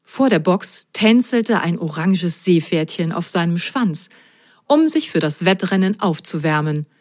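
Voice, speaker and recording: A woman narrating a children's storybook in a lively, expressive way. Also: lowish voice, unhurried, no room sound, clean studio sound.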